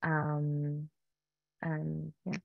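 A woman with a low, monotone, gravelly voice talks very slowly in a dry recording. She is a filmmaker and keynote guest on a muffled video call through her laptop webcam, answering Q&A questions conversationally from a home room with wooden beams. Hesitant throughout, she uses many fillers and restarts and laughs softly.

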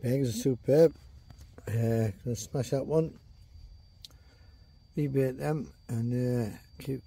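Speaking slowly in a mid-range voice that is creaky, dark and slightly rough, a Teesside angler vlogs from a nighttime riverbank. His chat is casual and colloquial, recorded through a camera or phone microphone.

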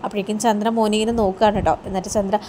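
A woman tells the story of a serial episode in a quick, running patter. Her voice is warm and mellow, and she keeps checking in with her listeners. A faint hiss sits under the recording. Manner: animated, raises her pitch when quoting characters; conversational fillers, asks listener "you hear?". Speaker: serial episode recap host. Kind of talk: casual storytelling recap.

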